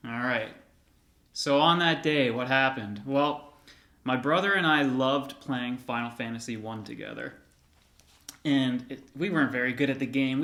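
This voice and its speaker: A man in his thirties, a vlogger casually telling personal stories to the camera in a relaxed, reminiscing way with light filler words. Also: medium pitch. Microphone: camera held by another person. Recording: roomy echoey room sound.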